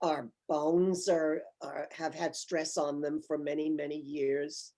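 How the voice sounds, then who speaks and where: A woman's voice: sits low, little pitch movement, takes it slowly, dark tone. An older woman, an author, talking thoughtfully in an interview over a video call, telling stories with emphasis. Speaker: author guest. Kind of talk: conversational interview.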